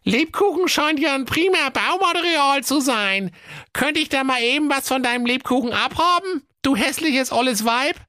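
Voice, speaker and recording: A man voicing a cheerful, rude little female pig in a comic storybook reading, singing and talking in a slow, sing-song falsetto. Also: sharp tone, dry recording, clean studio sound. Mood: cheeky.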